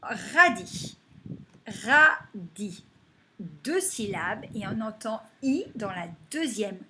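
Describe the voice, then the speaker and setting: Slow, lively woman teaching phonics. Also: mid-range voice, slight background noise. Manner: slow and deliberate, stretching and clapping out words syllable by syllable. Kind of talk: phonics lesson for young children.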